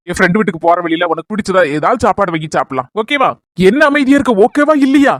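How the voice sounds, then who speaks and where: A woman performing in a comedy sketch, speaking with a Kanyakumari Tamil accent, brisk and persuasive. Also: medium pitch, animated, dry recording, studio quality.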